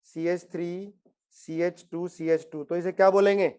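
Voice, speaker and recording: A man lectures a class on chemistry and keeps pressing his students to answer, repeating each question until they respond. His voice sits a little on the high side. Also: level tone, normal speed, darkish tone, clean tone. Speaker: chemistry teacher.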